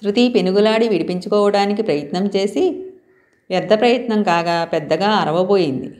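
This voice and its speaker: A woman storyteller reading a romance novel aloud in a steady, even way. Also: mid-range voice, fairly quick.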